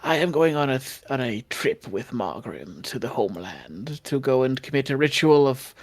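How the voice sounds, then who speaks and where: A man plays a cold lizard-folk leader in a tabletop game. The mid-pitched voice speaks formally and measuredly, with a calculating, secretive air. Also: sing-song, moderate pace. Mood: businesslike. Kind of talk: tabletop role-play.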